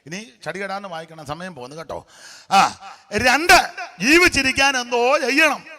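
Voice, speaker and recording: High, bright-voiced preaching pastor. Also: male voice, unhurried. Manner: animated preaching that mocks with quoted voices and breaks into song. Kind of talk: sermon.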